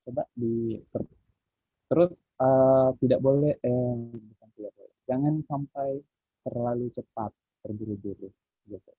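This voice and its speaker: A man coaching public speaking in an easygoing, instructive manner, pausing on fillers as he explains. His voice is a little husky and sits close and dry. It comes through a narrow, phone-like line. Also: mid-range voice, steady tone, no echo. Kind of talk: online training session. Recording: muffled phone-like call audio.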